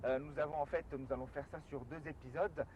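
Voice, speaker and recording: Male talk-show host, halting delivery. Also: fairly high pitch, fairly even intonation, muffled recording, slight background noise. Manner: halting, many fillers and restarts. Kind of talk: studio talk show hosting.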